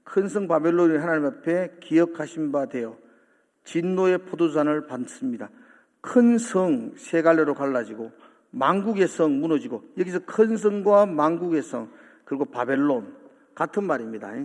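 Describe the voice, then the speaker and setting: A male pastor preaching a sermon in a church, often asking the congregation questions and seeking their agreement. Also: a little high. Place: church sanctuary. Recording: long hall reverb from a church.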